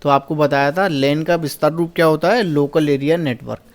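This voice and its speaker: Going through an old exam paper, a young man teaching in a fairly high voice puts every question to himself and supplies the answer. When he reaches the English lines, he reads them very slowly, word by word.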